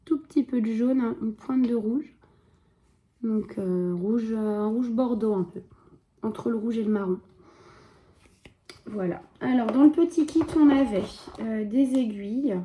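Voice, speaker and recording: A woman's voice: fairly high pitch, measured pace, long pauses, dull audio. A woman chatting casually as she shows her embroidery work, full of fillers and hesitations, and sometimes dropping to a murmur while she checks something. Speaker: embroidery vlogger. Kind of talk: casual show-and-tell.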